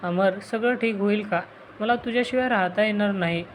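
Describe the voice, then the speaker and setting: A soft, pleading young woman deeply in love, as a storyteller reads her lines. She speaks at an ordinary middle pitch, anxious and tender in an audio story. A faint hiss sits behind her. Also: normal speed, close to an everyday voice.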